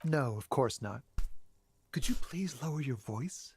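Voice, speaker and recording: An actor playing a nervous young man on a balcony in a game, speaking quietly and evasively. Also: medium pitch, lively intonation, a little slow, slight background noise, natural voice. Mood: guarded. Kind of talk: game voice acting.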